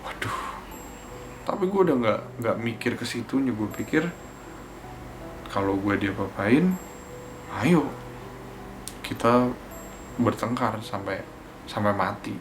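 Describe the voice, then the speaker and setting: A man's voice: fairly low pitch, animated, slow, pauses often, noisy background. A young man from Indonesia with a Jakarta accent, telling a personal experience in casual vlog style and acting out the lines he quotes. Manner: slangy, fervent, acts out quoted speech. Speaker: vlogger. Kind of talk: casual spoken storytelling.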